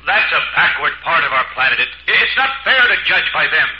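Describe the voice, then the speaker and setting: Earnest pleading everyman, higher-pitched, vintage radio drama, echoey and muffled. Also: sing-song, fairly quick. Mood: protesting. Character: earnest, pleading human man of Earth. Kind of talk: mid-century radio drama acting. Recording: echoey, dull, faintly noisy old radio.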